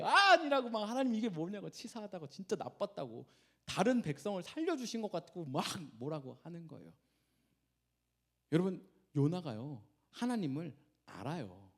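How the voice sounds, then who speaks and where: Animated male pastor preaching. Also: fairly high pitch. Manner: animated, asks the congregation questions. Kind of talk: sermon.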